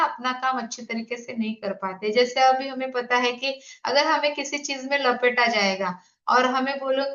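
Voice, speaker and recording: A woman's voice: high voice, a bit bright. A woman, a health coach explaining slides in an online presentation and putting questions to her audience. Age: 50s. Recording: echoey, dull lo-fi room sound.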